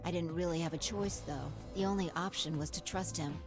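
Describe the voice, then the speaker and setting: A woman voicing a blunt, sharp-tongued young woman. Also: on the low side, fairly quick, over music, natural voice. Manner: blunt and matter-of-fact.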